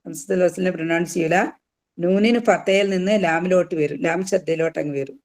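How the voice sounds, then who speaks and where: A teacher giving a tajweed lesson, explaining each rule and then sounding out the words slowly to drill them. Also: mid-range voice, steady tone, a little mellow. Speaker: Quran teacher.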